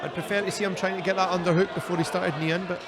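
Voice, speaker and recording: A man with a Scottish accent calling a cage fight as lead commentator, loud and matey, breaking down the technique. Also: high-pitched, level tone, rapid-fire. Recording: commentary with music and crowd behind.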